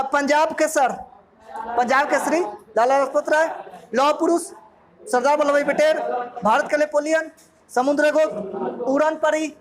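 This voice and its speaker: A man from Bihar with a Bihari accent, a coaching teacher running a jokey quiz revision and quizzing his class. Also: extremely high pitch. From Bihar, India. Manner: jokey, asks the class questions. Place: classroom full of students. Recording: noisy crowded classroom. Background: students in the room.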